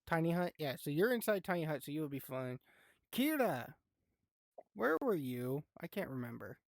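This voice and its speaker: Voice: medium pitch, very animated, moderate pace, gravelly, no echo. Laid-back game master with a dry, close sound. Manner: laid-back, chatty, laughs often, swears. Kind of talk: running a tabletop game live.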